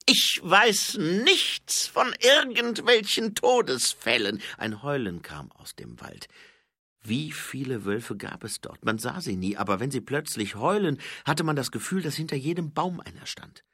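A man reading fantasy narration in an expressive, varied delivery. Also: medium pitch, normal speed, breathy edge, dry recording, clean studio sound. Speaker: audiobook narrator.

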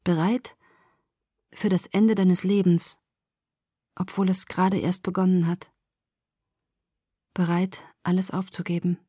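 A woman voicing a brooding young man who is cold and sorrowful, speaking low and hushed, at times in a whisper. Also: level tone, measured pace, long pauses, slightly rough, no room sound, clean studio sound. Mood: hushed sad.

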